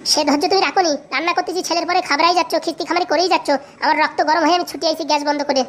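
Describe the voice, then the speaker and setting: A woman voicing a bossy, sharp-tongued middle-aged wife in a comic cartoon, scolding and nagging. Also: extremely high pitch, steady tone. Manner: scolding, nagging, rapid-fire.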